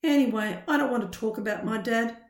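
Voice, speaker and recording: A glum teenage boy, as a woman narrator puts him on, reluctant and nervous, his voice dropped low and subdued. A roomy echo hangs around the storybook reading. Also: brisk, close to an everyday voice.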